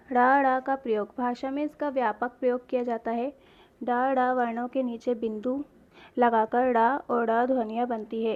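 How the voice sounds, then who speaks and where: A woman's voice: fairly high pitch, muffled recording. A woman teaching a grade-school grammar lesson, asking questions and answering them herself, spelling out sounds one by one.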